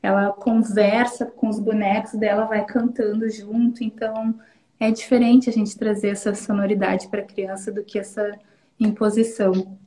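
A woman's voice: mid-range voice, level tone, moderate pace, warm tone, poor audio. A woman educator from Brazil, explaining conversationally with examples during a live talk.

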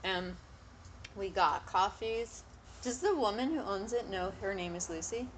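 A woman's voice: mid-range voice, lively intonation, unhurried, a little hiss or hum. Casual woman co-host, rambling and swearing. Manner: loose storytelling, frequent ums, casual swearing. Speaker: podcast co-host. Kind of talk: casual chat.

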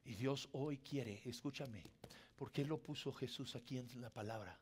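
A man preaching a sermon, swinging from a soft murmur to shouting. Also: mid-range voice, normal speed, a little hiss or hum.

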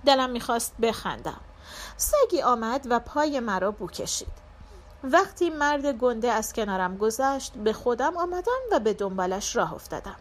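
Woman narrating a dark audiobook tale. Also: fairly high pitch, lively intonation. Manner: measured, dramatic first-person reading. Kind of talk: scripted literary narration.

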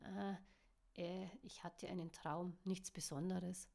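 A woman voicing a shaken young woman who speaks softly and hesitantly. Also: on the low side, lively intonation, unhurried. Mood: pleading. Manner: hesitant, soft.

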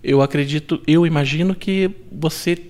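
An interviewer with a mid-range voice keeps a casual conversation moving. They react with quick interjections and ask follow-up questions. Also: medium pitch, darkish tone.

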